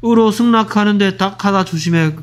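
A man teaching English to middle school students, repeating example phrases slowly and acting out short dialogues. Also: high voice. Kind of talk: exam-prep lecture.

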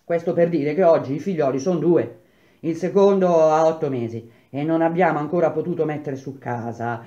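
An indignant country laborer who pleads for fairness, earnest and a touch high, as a man reads him aloud. The voice is pitched somewhat up. The sound is muffled and lo-fi. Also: warm tone, lightly acted.

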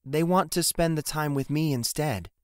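An eager, spirited young woman, as a male narrator puts her on in an audiobook. Her lines come higher than his narration and brighter in tone. The recording is close and dry. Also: normal speed, no echo, close to an everyday voice.

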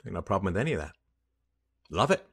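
A man in his fifties rants alone into a headset mic, furious and sarcastic, swearing freely. His pitch swings widely, from low grumbling mutters to sharp loud bursts. He sounds close and plain, recorded in a small room. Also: sing-song, quick pace, husky. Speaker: podcast host. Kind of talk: impassioned solo rant to camera.

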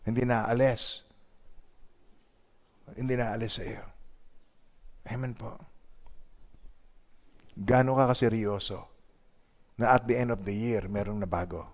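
A man's voice: fairly low pitch, steady tone, takes it slowly, long pauses. A man preaching an online sermon, mixing Tagalog and English and building to emphatic peaks. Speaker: pastor. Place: home during lockdown.

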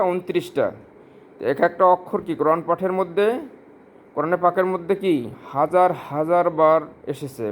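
A man's voice: a little high, a little hiss or hum. A man from Bangladesh, teaching Quran pronunciation and asking questions he then answers himself. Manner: explains slowly with rhetorical questions, drawn-out Arabic examples. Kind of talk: religious lesson on Quran pronunciation.

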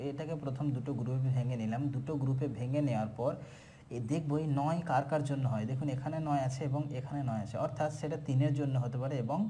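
A man teaching a maths shortcut, counting through sums aloud in steady lists and answering his own questions. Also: mid-range voice, slight background noise. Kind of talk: step-by-step maths lesson.

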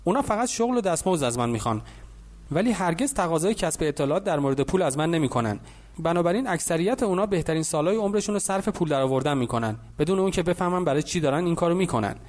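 A man voicing a wealthy, confident older mentor who lectures calmly in an audiobook. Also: on the high side, close to an everyday voice. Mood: lecturing.

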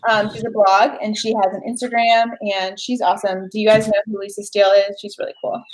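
A woman's voice: mid-range voice, level tone, fast talker, poor audio. A woman in her twenties chatting casually on a home livestream over a webcam, bubbly and full of fillers. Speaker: livestream host. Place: living room at home, indoors. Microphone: webcam at desk distance.

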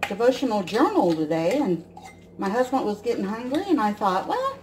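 A slightly high-voiced woman in her forties, from the US Midwest, talks casually through a recipe one step at a time while cooking in her home kitchen. The recording comes from a camera mic on the counter, with noise in the background.

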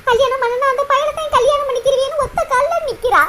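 Woman voicing a squeaky village woman. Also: steady tone, quick pace, pushed and bright, slight background noise. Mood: earnest. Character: chatty village woman, pleading friend. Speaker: cartoon voice. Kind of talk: cartoon comedy dialogue.

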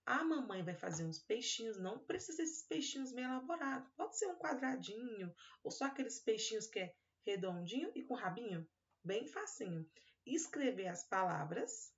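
A woman with a Brazilian accent, a kindergarten teacher giving a recorded class for young children. She stretches syllables slowly and talks fondly to the kids. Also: on the high side, sing-song, muffled recording. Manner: drawn-out syllables and fond little-word talk to children.

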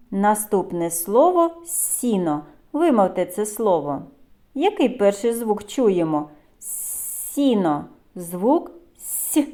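A woman with a Ukrainian accent, a preschool teacher giving a phonics lesson to young children in a slow, clear, sing-song voice. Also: mid-range voice, mellow.

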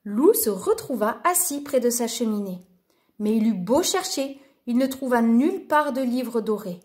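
A woman narrating a storybook for young children, gentle and expressive. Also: fairly high pitch, normal speed.

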